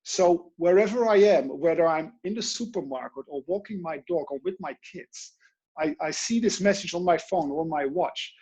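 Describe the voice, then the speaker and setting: In an online interview on a video call, a man from the Netherlands who works as a coach speaks with a Dutch accent and acts out inner voices while storytelling animatedly. The audio is poor, and his fairly high voice is husky at normal speed.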